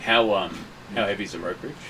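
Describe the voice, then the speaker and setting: A man's voice: fairly low pitch, quick pace. A man chatting casually as a player at a tabletop role-playing game. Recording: noisy room, distant microphone.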